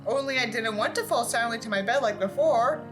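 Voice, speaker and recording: Over background music, a woman with a high-ish voice speaks fast as she theatrically reads a book aloud. She's a host poking fun at it, using exaggerated, sarcastic delivery and dry asides.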